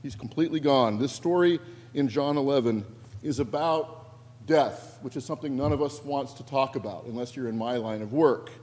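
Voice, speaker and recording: Pastor preaching in a reverberant sanctuary. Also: male voice, mid-range voice, normal speed. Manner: animated storytelling with quoted voices and humor. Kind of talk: sermon. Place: church sanctuary. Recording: long reverb of a church sanctuary.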